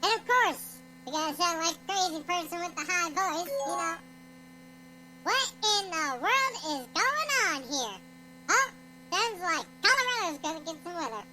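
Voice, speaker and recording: A voice changer morphs speech into a very high, squeaky voice. He plays it up as a silly, slightly unhinged character. Faint music lingers in the background. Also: animated, normal speed, rough recording. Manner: playful, mock-crazy. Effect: voice changer pitching the voice squeaky high.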